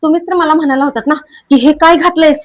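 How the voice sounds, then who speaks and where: Casting: actress for a touchy young wife, high-pitched, rapid and sharp-tongued. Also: female voice, fairly even intonation, lightly acted. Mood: annoyed. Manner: quick, scolding retorts. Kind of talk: amateur drama acting.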